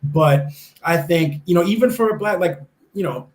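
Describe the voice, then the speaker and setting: At a moderate pace and fairly high pitch, a young man from the United States chats eagerly as an interview guest. The conversation is casual, his speech full of fillers and restarts, and the room has an echo.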